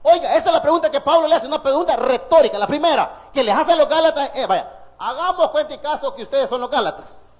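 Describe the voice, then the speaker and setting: A male pastor preaching a sermon, lively and laughing between points, quizzing the congregation with questions. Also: very high-pitched, fast talker.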